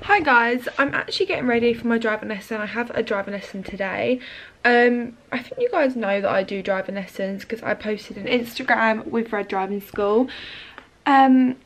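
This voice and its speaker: A woman's voice: on the high side, normal speed, low-quality recording. A young woman chatting casually to camera in a vlog, rambling with lots of fillers. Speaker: vlogger.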